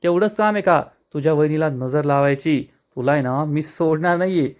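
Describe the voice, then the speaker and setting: A scheming middle-aged aunt who scolds her nephew, as a male narrator quotes her. She speaks in a slow, cross scolding tone. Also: fairly high pitch, close to an everyday voice. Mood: angry.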